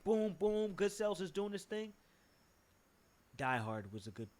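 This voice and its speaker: A young man with a Boston accent co-hosting a podcast in casual chat, animated and profane, jumping from topic to topic. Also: high voice, measured pace. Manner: animated, swearing, jumps from topic to topic. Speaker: podcast co-host.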